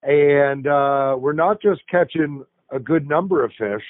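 A man calls in over a thin, tinny phone line to give his fishing report. He talks in a relaxed, wry, unhurried way. The sound is dry and boxed-in, with no room around it. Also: a little high, no echo. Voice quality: laid-back, wry, drawn-out phrasing. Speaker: fishing shop owner calling in. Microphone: telephone.

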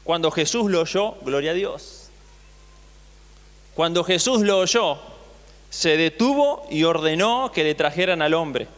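A man's voice: on the high side, expressive, slow pace, long pauses, fairly bright tone. A male pastor preaching a sermon, reading scripture aloud and retelling it with acted voices, often asking the congregation questions. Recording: long hall reverb.

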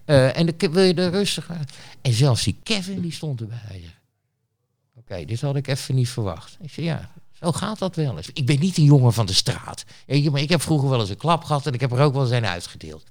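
A street reporter being interviewed tells a casual story in a sing-song, mid-range voice, speaking fairly quickly. His telling is blunt and rambling, with lots of fillers and restarts.

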